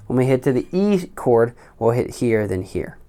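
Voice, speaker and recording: A man giving an instructional guitar lesson in a careful, unhurried way, explaining step by step. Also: medium pitch, sing-song, warm tone. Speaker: guitar teacher. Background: acoustic or electric guitar playing.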